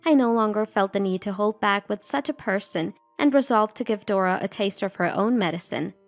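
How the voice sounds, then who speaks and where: A woman reading a first-person revenge story as a scripted narration, in an even, measured way. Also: medium pitch, soft background music.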